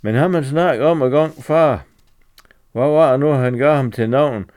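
A man's voice: mid-range voice, a little mellow, close to an everyday voice. A man voicing a fumbling, muddled older male farmer who searches for words as he reads a dialect story aloud. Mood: searching, eager.

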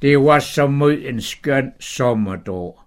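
An older man telling a Bible story in a folksy, lively way, dropping his voice on asides. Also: mid-range voice.

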